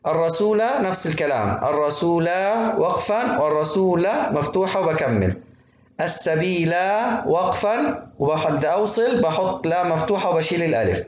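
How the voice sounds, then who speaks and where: A man with a slightly high voice gives a recitation lesson in an echoey room. He explains each rule point by point, then slows into long, drawn-out chanted verses. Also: expressive, slight background noise. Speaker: Quran recitation teacher.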